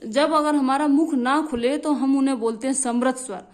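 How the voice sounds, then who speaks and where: Her voice sits high, with fairly even intonation, a darkish tone, and a normal speed. This young woman teaching a lesson repeats key phrases over and over and frequently checks on her students with "theek hai."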